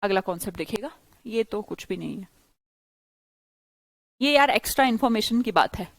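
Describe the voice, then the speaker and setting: A woman from India teaching an English grammar class live, explaining lively and teasing her students with quick questions. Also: medium pitch, dry recording.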